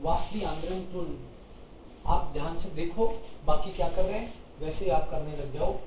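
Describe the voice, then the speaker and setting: A man teaching a German lesson, explaining each German sentence slowly in Hindi. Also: a little high, distant mic, background noise. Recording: echoey room, voice from off-mic.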